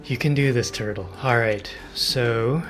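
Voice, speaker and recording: A breathless man talking through a game guide with a slow, unhurried delivery. He rambles and stumbles over restarts, apologizing as he goes, with faint music playing under his voice. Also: mid-range voice, a bit bright. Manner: rambling, self-deprecating, halting with restarts. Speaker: gaming video host. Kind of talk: casual game guide commentary.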